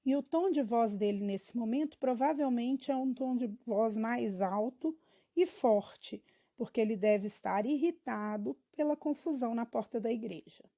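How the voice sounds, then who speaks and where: A woman's voice: fairly high pitch, normal speed, mellow. A girl of about twelve, reading school questions and her answers aloud, evenly and with small stumbles. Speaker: student.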